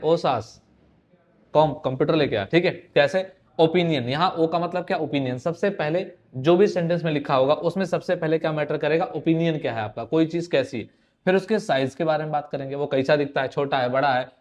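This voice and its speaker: A man's voice: on the high side, darkish tone. A young man teaching an exam-prep grammar lesson, conversational and teasing, firing rhetorical questions at his students.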